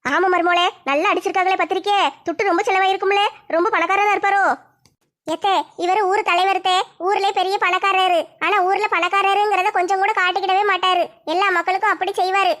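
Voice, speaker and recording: High pitched woman, kinda flat tone, quick eager chatter, comedy skit.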